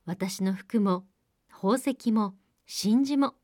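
A woman's voice: mid-range voice, extremely slow, darkish tone, no room sound. Woman doing a spoiled princess, haughty, dismissive, dry close voice. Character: spoiled young princess, haughty then flustered.

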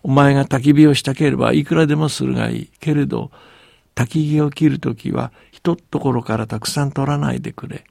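Guy doing a huge old north giant, big loud voice, huffs and puffs, gravelly, dry sound. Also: medium pitch, steady tone, no room sound. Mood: kindly, grave. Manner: drawn-out blowing breaths, loud commanding voice. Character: huge ancient male giant of the north, slow and booming.

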